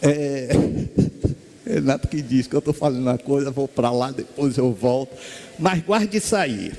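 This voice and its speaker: A man's voice: mid-range voice, a little slow. A man with a Brazilian Portuguese accent giving a spiritist lecture, telling stories and acting out the voices of the people in them. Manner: lively storyteller, acts out quoted voices. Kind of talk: storytelling lecture. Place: lecture hall stage.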